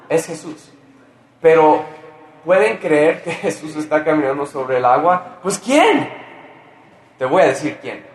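A man preaching a sermon in a conversational way, with many restarts, swinging between loud exclamations and quiet near-whispers. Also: mid-range voice, reverberant. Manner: speaks with restarts and fillers, conversational.

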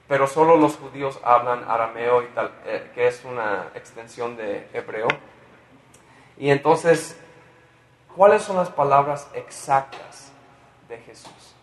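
A man preaches in a lively, chatty way, breaking into asides and fillers as he works through the text. His voice sits at an everyday male pitch. It echoes around a large room. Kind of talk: sermon. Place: church in Mexico.

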